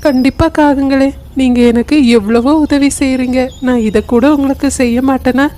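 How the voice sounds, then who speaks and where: A woman voicing a gentle, grateful mother goat in a cartoon, polite and soft-spoken. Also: high voice, fairly even intonation, moderate pace, lightly acted.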